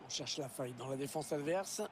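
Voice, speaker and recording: A man's voice: mid-range voice, a little fast, natural voice. A man playing a keen football match commentator in a sports video game. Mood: measured. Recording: game audio with faint background noise.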